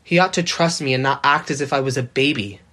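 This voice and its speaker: A woman's voice: extremely low pitch, quick pace, fairly bright tone, pitched below the performer's own voice. A woman reading aloud, voicing a proud, hot-tempered young man who sulks and talks back. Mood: indignant. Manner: sulky, defiant.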